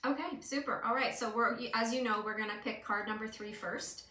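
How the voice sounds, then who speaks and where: A woman with a slightly high, clearly bright voice talks someone through a card reading. She is casual and instructive, checking in as she goes. The sound is roomy, picked up at some distance from the mic. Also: fairly even intonation, a little fast. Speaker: host giving a card reading. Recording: echoey room, distant mic.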